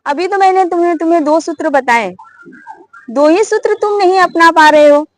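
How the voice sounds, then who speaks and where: A woman's voice: very high voice, normal speed, dry recording, pitched above the performer's own voice, rough recording. A woman voicing a clever old bird that mocks and lectures a hunter, in a preachy, scolding tone. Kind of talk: storytelling.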